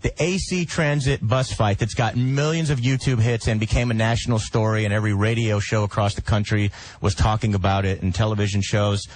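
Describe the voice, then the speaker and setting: A man's voice: on the low side, steady tone, a little hiss or hum. Man hosting a radio interview. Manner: quick interjections and pointed questions. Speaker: radio show host.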